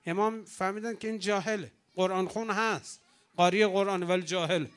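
A man's voice: sits high, fairly even intonation, fairly bright tone, clear, resonant tone. A man preaching a religious sermon from the pulpit, emphatic and rising to exclamations, retelling old dialogues.

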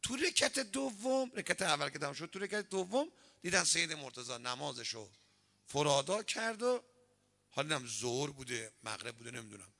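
A man preaching a sermon, telling stories and acting out the quoted dialogue in an animated way. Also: on the high side, creaky. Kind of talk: sermon with storytelling.

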